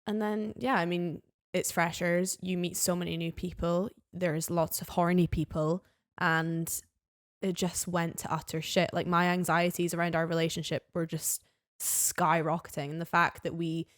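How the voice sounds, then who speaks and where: A woman's voice: lowish voice, level tone, normal speed. A woman in her twenties chats candidly on a podcast. She tells her stories openly and acts out the lines she once said. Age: 20s. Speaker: podcast guest. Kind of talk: casual chat.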